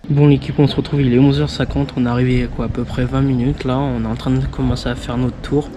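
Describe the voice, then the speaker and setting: A man recording a casual video diary, talking in halting bursts full of restarts and fillers. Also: medium pitch, level tone, background noise. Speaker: vlogger.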